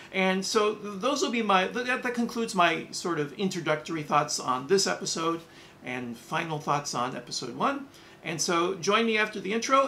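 A middle-aged man hosting a reaction video, talking casually and enunciating carefully with small pauses. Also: fairly high pitch, creaky, sharp tone, slight background noise.

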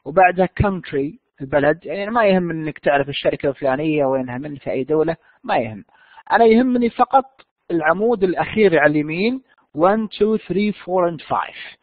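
A man teaching an online English class, drawing out the English words slowly and rattling off quick explanations. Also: high-pitched, no echo. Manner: switches between slow drawn-out English and quick Arabic explanations. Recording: dry, phone-like narrow sound.

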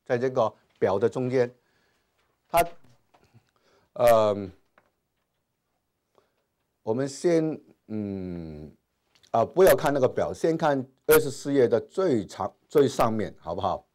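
A man's voice: mid-range voice, big pitch swings, slow pace, long pauses, darkish tone. A man teaching Hebrew grammar in a classroom lecture, dropping in English terms and many "ah" and "ha" fillers. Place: classroom with whiteboard.

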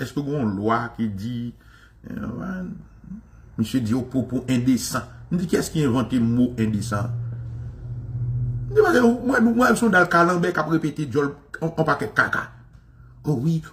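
A Haitian man hosting a show, ranting in an animated, mocking way, with lots of repetition and frequent laughter. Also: medium pitch, slight background noise. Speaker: show host. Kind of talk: impassioned commentary rant.

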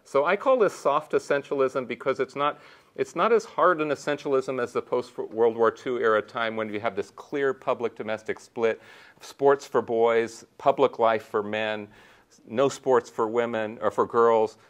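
In a lecture room in front of a projection screen, a man in his sixties gives a conference panel talk through a lapel mic. This sociology researcher's voice is medium-pitched at a normal speed, and he gestures while telling animated stories riddled with fillers and restarts.

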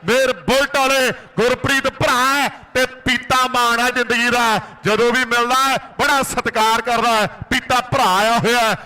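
A male commentator with a Malwa Punjabi accent gives frantic rural sports commentary. His voice is pitched extremely high with a forceful, sharp edge. He follows the kabaddi in a running play-by-play. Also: little pitch movement, moderate pace, hardly any pauses, smooth, low-quality recording. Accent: Punjabi from Indian Punjab's Malwa region.

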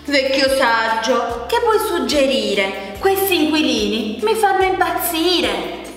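A woman voicing a fussy, grumbling little old woman in a children's storybook, with shrill sing-song complaints. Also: lively intonation, slow pace, fairly bright tone. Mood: pleading. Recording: echoey room with long reverb, faint music.

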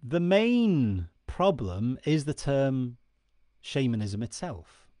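Slow and sing-song, with a dark tone in a mid-range voice, a man in his forties whose native tongue is Welsh explains Celtic myth to camera earnestly, regularly checking in with the listener. The setting is a dark indoor room, and a studio mic on a stand close in front captures dry, studio-quality audio.

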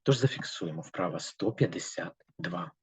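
A male teacher giving an online school lesson, slowly and carefully dictating words. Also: deep voice, expressive, slightly rough, rough recording.

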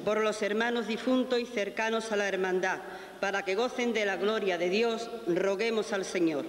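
A man reading the prayers of the faithful at Mass in a formal, steady way, heard with a booming church echo. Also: moderate pace. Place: large church, indoors. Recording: echoey church hall with hiss.

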